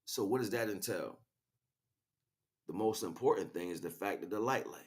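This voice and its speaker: This is a spiritual teacher and livestream host giving an off-the-cuff lecture in a lowish voice at normal speed. His delivery is emphatic, full of repeated key words and rhetorical check-ins.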